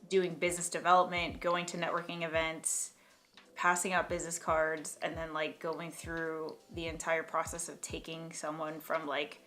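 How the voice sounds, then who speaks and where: A young woman's fairly low, fairly bright voice carries a reflective vlog monologue to camera. She thinks out loud, with hesitations, restarts and sentences that trail away.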